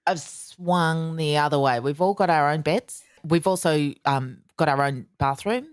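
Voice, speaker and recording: A woman's voice: deep voice, unhurried, no room sound, studio quality. An Australian woman co-hosting a casual comedy podcast, telling rambling, self-mocking stories. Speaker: podcast co-host.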